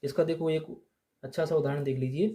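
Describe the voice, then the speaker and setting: A man teaching grammar in a steady lesson, asking the class questions and answering them himself, repeating the key points. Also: a little high, a little fast. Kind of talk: slow blackboard lesson.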